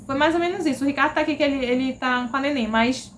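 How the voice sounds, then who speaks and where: A woman's voice: high voice, very fast, a little hiss or hum. A Brazilian woman vlogger casually telling a personal story, chatty and repetitive, often checking in with "entendeu?". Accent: Brazilian Portuguese. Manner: chatty, repeats herself, frequent "entendeu?".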